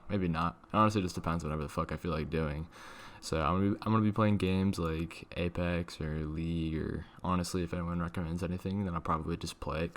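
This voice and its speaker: Low-voiced young guy rambling casually. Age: young adult. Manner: slangy, sweary, filler-heavy with "like". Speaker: video creator telling a personal story.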